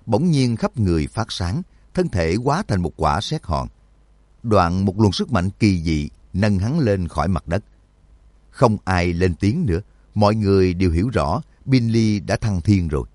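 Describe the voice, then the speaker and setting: A man narrating an audiobook in an expressive, vivid storytelling manner. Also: low-pitched, no room sound.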